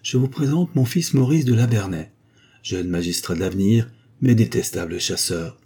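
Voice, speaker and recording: Hearty loud old baron, read by a man. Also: fairly low pitch, normal speed, gravelly, husky. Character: jovial hot-tempered older male baron hunter.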